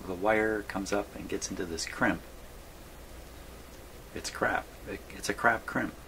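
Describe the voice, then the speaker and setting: Working on vintage radios in his indoor workshop, a hobbyist host casually narrates a hands-on repair vlog, thinking aloud in a rambling, folksy manner. His voice is on the low side, pushed and bright, with fairly even intonation and a measured pace. The low-quality recording carries clear background noise.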